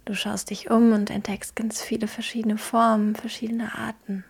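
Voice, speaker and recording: Woman doing a guided meditation, really soft whispery spa voice, breathy, gentle. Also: fairly high pitch, little pitch movement. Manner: gentle, hushed, slow pauses between phrases. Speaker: podcast host guiding a meditation.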